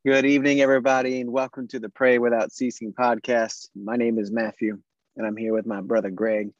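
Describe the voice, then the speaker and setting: Excitable, laughing podcast host, dry sound. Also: male voice, mid-range voice, fairly quick, dry recording, muffled recording. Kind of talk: casual faith podcast chat.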